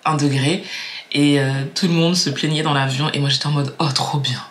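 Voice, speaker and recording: A woman's voice: low voice, fairly even intonation, a little fast. A young woman from Martinique talking to camera in a casual, reflective vlog, chatty and musing, with many fillers and repeated words. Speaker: vlogger.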